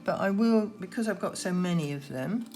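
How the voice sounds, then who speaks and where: A woman giving gentle, unhurried painting instruction, talking through her work as she goes, with trailing pauses. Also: on the low side, animated, loud music behind the voice. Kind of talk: unscripted painting demonstration, talking while working.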